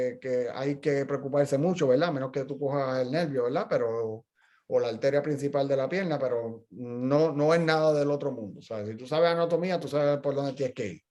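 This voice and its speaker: In a casual journal club conversation, a middle-aged physical therapist speaks with a somewhat high, darkish-toned voice. Chatty and fond of stories, he explains clinical points but often stops and starts his sentences over.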